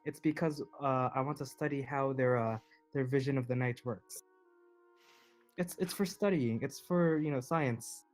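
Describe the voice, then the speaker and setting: A man's voice: medium pitch, moderate pace, soft background music. A man playing in a tabletop game over voice chat, explaining himself earnestly and a little sheepishly, with fillers. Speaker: player. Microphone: online voice chat.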